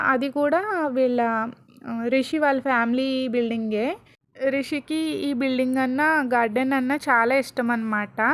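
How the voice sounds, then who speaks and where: A woman with a high voice retells a story in a relaxed, chatty manner. She explains each step plainly, like someone recounting a tale to a friend.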